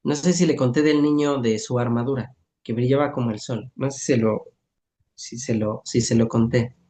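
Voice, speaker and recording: A school counselor talks in a calm, soft-spoken way and often adds small tag questions. The voice is dark and mellow, and the speech is unhurried. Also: medium pitch. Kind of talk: calm explanatory talk and storytelling.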